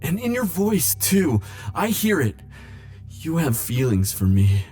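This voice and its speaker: An actor plays a lovestruck immortal man, a tender, yearning hopeless romantic, in an intimate ASMR roleplay. His phrasing is breathy, hesitant and pleading, delivered slowly in a fairly high, sing-song voice with a darkish tone over soft background music.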